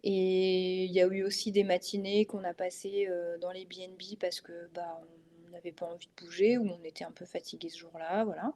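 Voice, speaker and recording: A woman in her thirties with a northern French accent speaks briskly in a mellow, lowish voice with little pitch movement. A mother of three, she's a guest in a casual interview chat, hesitating often with lots of fillers and restarts.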